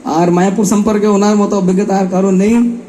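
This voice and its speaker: A man giving a spoken welcome as host of a religious event, speaking the halting Bengali of a non-native speaker. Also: high-pitched, fairly even intonation, dark tone. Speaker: event host and master of ceremonies at a religious festival.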